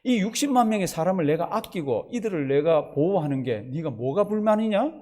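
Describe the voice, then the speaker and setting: A pastor acting out God as a stern male voice, scolding a sulking prophet and pressing each point through repetition. The voice climbs high and swings widely in pitch, with a mellow, dark tone. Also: expressive, fairly quick. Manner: chiding, emphatic repetition.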